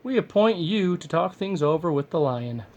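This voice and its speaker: A man's voice: a little high, lively intonation, moderate pace, darkish tone, muffled recording, natural voice. A man voicing big, sly, scheming forest animals while reading a storybook to a young child. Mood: sly persuasion.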